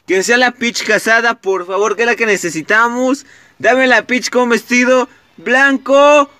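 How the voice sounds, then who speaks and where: High, bright excitable Mexican guy. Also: unhurried, dry recording. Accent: Mexican Spanish. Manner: excitable, swears often, talks straight to viewers. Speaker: gaming YouTuber. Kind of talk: casual gameplay commentary.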